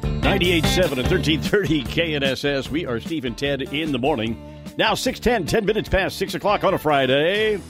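A man's voice: fairly high pitch, expressive, normal speed, music in the background. An American man hosting morning radio news, reading items and adding wry, conversational asides.

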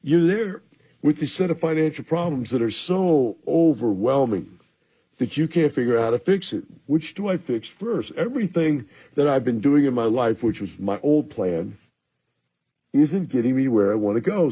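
A man's voice: mid-range voice, lively intonation, moderate pace, husky, dull audio. A man hosting a radio show, sounding a little groggy from antihistamines, explaining things directly to listeners in a rambling advice monologue.

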